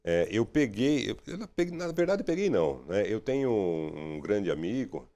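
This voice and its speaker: A middle-aged journalist talks through his career in a relaxed interview. His voice sits very low yet swings widely in pitch. He is reflective and keeps checking in with his listener. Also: normal speed. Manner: reflective, frequent "né?" tags. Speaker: radio and TV journalist.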